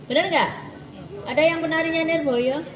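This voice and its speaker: A woman hosting a talk, lively and teasing as she passes questions to guests. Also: extremely high pitch, normal speed, crowd noise. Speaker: host. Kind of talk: moderating a talk. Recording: echoey room with audience.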